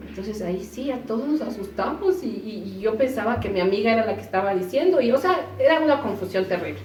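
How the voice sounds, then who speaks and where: A woman casually telling a personal story, acting out quoted voices with sudden jumps in pitch. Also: lively intonation, fast talker, a little mellow. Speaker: storyteller recounting an experience. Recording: roomy echo, voice from a distance, faint noise.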